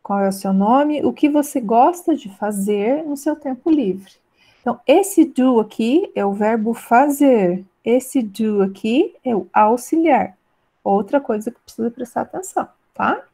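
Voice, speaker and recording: Teacher, mellow voice, English examples. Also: female voice, fairly high pitch, animated. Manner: explains in Portuguese, reads English examples slowly and clearly; keeps checking in with "né?" and "tá?". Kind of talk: online class lesson.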